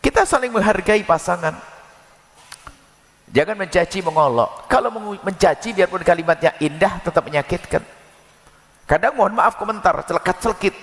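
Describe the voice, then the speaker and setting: A man preaching a sermon, lively and expressive, sometimes acting out quoted couples. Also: normal speed. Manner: animated, jumps between high and low pitch for emphasis, acts out quoted couples. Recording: long hall reverb.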